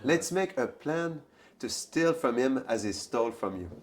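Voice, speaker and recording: A man's voice: mid-range voice, animated, unhurried, natural voice. A man telling a story and voicing a bold, insistent young female confidante. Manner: firm, insistent. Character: Vishakha, bold female confidante, sure and scolding.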